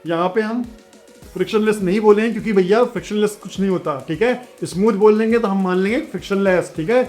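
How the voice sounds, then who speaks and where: A man's voice: high-pitched, a little mellow, faint music behind. A man giving an online physics lesson in a chatty style, often checking in with his students. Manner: chatty, keeps asking "theek hai bachchon"; reads the question aloud slowly. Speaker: physics teacher.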